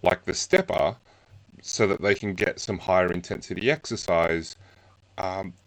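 Male podcast co-host who works with clients; very low voice; halting, thinks aloud with frequent "um". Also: vocal fry, fairly bright tone, low-quality recording. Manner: hesitant, many "um" pauses. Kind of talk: conversational podcast interview.

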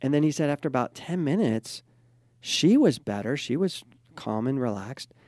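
Animated male couples therapist, dry sound. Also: medium pitch, normal speed, dry recording. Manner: lively storyteller who acts out quoted people. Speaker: couples therapist and podcast host. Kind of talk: casual conversation, telling a client story.

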